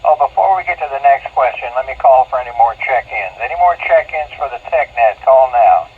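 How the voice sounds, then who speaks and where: A man hosting a ham radio net, running a trivia quiz as an upbeat quizmaster who is quick to praise answers, heard over a radio link with static. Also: medium pitch, expressive, breathy edge. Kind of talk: on-air trivia quiz with check-ins. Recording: tinny, narrow-band radio transmission.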